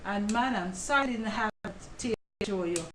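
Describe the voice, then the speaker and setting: A woman's voice: medium pitch, normal speed, roomy sound. A woman guest, an actress and playwright, telling a story in a casual chat, laughing often. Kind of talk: casual talk show chat.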